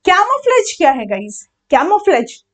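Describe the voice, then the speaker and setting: High-voiced Indian woman teaching vocabulary. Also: sing-song, normal speed. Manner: explains in Hindi mixed with English, questions the class. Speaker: English teacher. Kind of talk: online vocabulary lesson.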